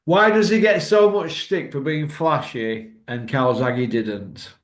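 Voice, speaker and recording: A man's voice: a little high, slow, roomy sound. Man on a breaking-up video call. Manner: blunt, impatient, swears. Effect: video call audio cutting out and breaking up. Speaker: host reading out viewer questions. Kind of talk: casual chat on a video call.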